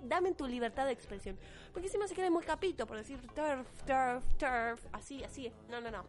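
A teenage girl with an Argentine accent, ranting to camera in a blunt, profane and sarcastic way. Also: high-pitched. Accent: Argentine Spanish. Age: teens. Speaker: vlogger. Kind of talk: opinion rant to camera.

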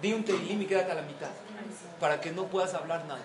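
A woman's voice: fairly low pitch, fast, a crowd in the background. A middle-aged woman giving a parenting talk to a group of mothers, explaining points and acting out example quotes. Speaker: parenting class speaker.

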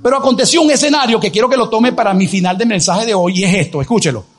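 A man's voice: high-pitched, fast talker. A male pastor preaching a sermon, emphatic, full of rhetorical questions and exclamations. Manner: married.

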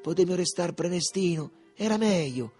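A man's voice: high voice, animated, normal speed, mellow, husky, faint music behind, voice pushed up. A man voicing Riccetto, a streetwise Roman teen, swaggering and cursing in a Roman accent. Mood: sly. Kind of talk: audiobook character voice.

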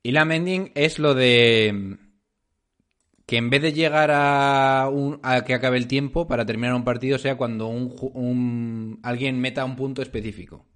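A man's voice: medium pitch, fairly even intonation, measured pace, fairly bright tone. A man hosting a casual basketball podcast, teasing his co-host and wrapping up the episode. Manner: teasing, joking.

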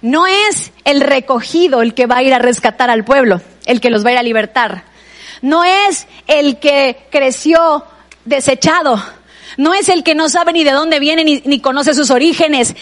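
A woman preacher with a Mexican Spanish accent delivers a sermon. Her voice sits high, and she talks to the congregation as if in conversation, with frequent asides addressed straight to the listener.

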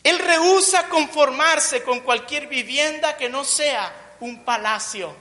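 A woman's voice: high-pitched, slow, sharp tone. A woman preaching a sermon, building emphatic repeated phrases and tossing in joking asides. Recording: long reverb of a large hall.

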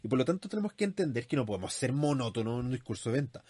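A man's voice: medium pitch, big pitch swings, racing, dark tone, slightly rough, no echo. A man hosting a podcast, giving casual sales advice in a chatty way with many fillers and asides. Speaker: podcast host.

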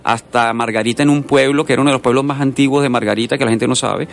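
A man's voice: medium pitch, steady tone, fast, vocal fry, a little hiss or hum. A man from Colombia, a guest artist in a radio interview who tells long stories full of asides. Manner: storytelling, rambling with asides. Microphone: studio microphone.

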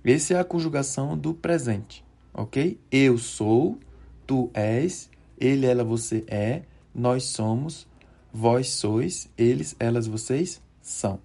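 A man teaching verb conjugations, slow and deliberate, drawing out each form and checking in often with "certo?". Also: medium pitch, vocal fry, dark tone. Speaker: Portuguese teacher for Spanish speakers. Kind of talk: conjugation lesson.

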